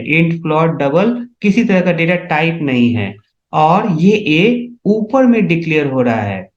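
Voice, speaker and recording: A man teaching C programming in a step-by-step tutorial, often asking whether his students are following along. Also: sits high. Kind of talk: screen-recorded coding tutorial. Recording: echoey, dull lo-fi room sound.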